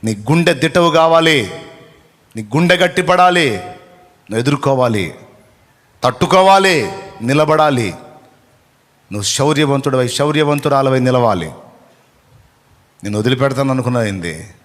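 A man preaching a sermon as pastor, fiery and exhorting, swinging between loud calls and hushed asides. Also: medium pitch, animated, normal speed, pauses often. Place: church. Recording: long reverb of a church hall.

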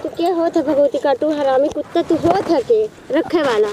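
A woman's voice: sits high, moderate pace. A village woman who scolds angrily and hurls insults. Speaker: village woman, prank target. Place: outdoors in a village. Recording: loud outdoor background noise.

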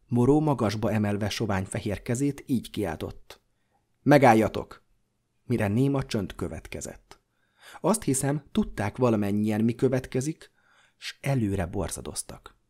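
A man reading a classic horror novel aloud as an audiobook narrator, in a measured, dramatic way. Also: fairly low pitch, lively intonation, mellow.

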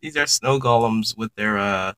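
Commenting on his gameplay for his channel, a young man talks to viewers and reacts aloud as he plays in a casual style. He speaks at normal speed in a lowish voice with a sharp tone, and there's no echo.

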